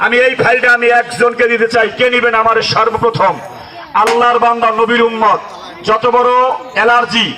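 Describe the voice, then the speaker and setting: A man with a Bangladeshi accent giving a loud, insistent, repetitive street sales pitch like a carnival barker, selling medicine. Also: little pitch movement, fairly quick, distant mic, rough recording. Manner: insistent, repetitive, chanting appeals to a crowd. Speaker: street medicine seller, canvasser. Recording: voice off the mic, music behind.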